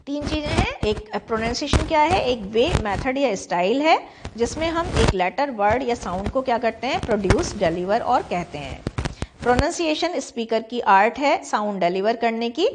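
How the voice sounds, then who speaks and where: Woman teacher, slow repeating lecture. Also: fairly high pitch. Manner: explains terms slowly, repeating key words and asking then answering her own questions. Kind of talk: exam-prep lecture.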